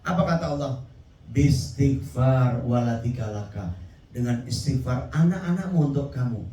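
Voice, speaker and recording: A man preaching a sermon to a live crowd, emphatic, with his voice rising high when he calls out to the audience. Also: normal speed, mellow, echoey room, recorded from a distance, low-quality recording. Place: event hall.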